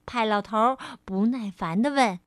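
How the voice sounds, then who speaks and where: Casting note: woman storyteller for a children's picture book, high, unhurried and expressive, close and dry. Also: no echo. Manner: gentle, expressive, lingering on phrases.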